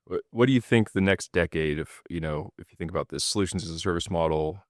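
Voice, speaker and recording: A man hosting a casual interview, relaxed, asking open questions and laughing easily. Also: sits low, fast talker, no room sound, clean studio sound.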